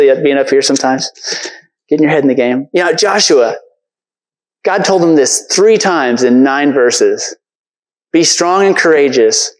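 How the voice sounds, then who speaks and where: A man's voice: a little high, rough recording. A man preaching a casual, earnest sermon from a church stage, talking conversationally with lots of fillers.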